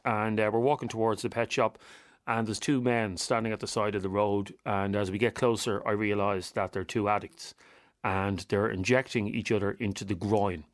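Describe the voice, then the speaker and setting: A man's voice: fairly low pitch, steady tone, moderate pace, no echo, studio quality. A middle-aged man, hosting a radio phone-in conversationally and pressing his points with repeated phrases.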